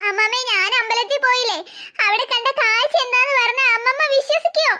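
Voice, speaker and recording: A woman's voice: very high voice, fairly even intonation, a little fast, bright, forceful tone. A sly tattling cartoon girl. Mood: tearful. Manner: whiny, tattling.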